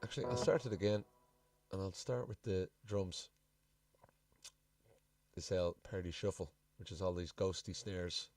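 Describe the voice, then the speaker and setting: A low-pitched male voice sits back from the microphone with music clearly behind it. He walks through a tutorial casually and informally, thinking aloud as he goes. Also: steady tone, a little slow, long pauses, darkish tone. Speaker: music production tutorial presenter. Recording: distant mic, music playing behind.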